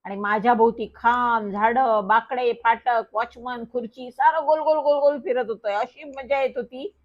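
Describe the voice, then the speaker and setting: A woman reading a children's story aloud, telling it in a lively first-person way. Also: a little high, moderate pace. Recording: dull lo-fi recording.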